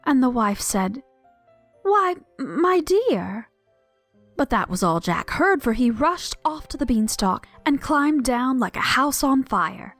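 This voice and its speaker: A woman narrating a fairy tale aloud with lively expression, dropping to a whisper at tense moments. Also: sits high, a little slow, few pauses, no room sound, faint music behind. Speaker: storyteller. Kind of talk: storybook read-aloud narration.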